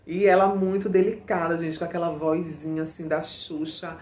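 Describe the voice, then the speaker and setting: A woman's voice: lowish voice, normal speed, slight background noise. Chatty woman telling a story in a roomy echo. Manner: chatty, expressive, addresses viewers often, slangy. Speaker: vlogger. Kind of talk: casual storytelling to viewers.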